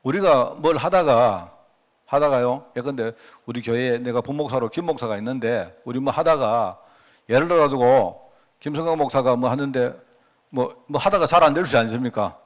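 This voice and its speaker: Male pastor, middle-aged, mid-pitched voice, relaxed conversational sermon delivery. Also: moderate pace. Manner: conversational, rhetorical questions, acts out quoted prayers. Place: church sanctuary.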